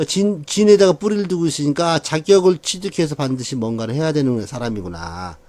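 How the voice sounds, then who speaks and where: A saju fortune-telling teacher, a man with a slightly high, somewhat mellow voice, is showing a class how to read a birth chart. He keeps posing questions and answering them himself, chuckling between points.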